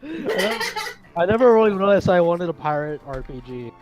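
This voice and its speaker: A man playing in a tabletop role-playing game, chatting in an excitable, playful way. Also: sits high, normal speed, over loud music, poor audio. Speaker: player. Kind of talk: casual chat during a tabletop game.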